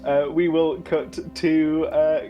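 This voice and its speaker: A man's voice: on the high side, level tone, slow, dull audio, faint music behind. A man narrating a tabletop role-playing game as game master, calling for rolls and setting scenes.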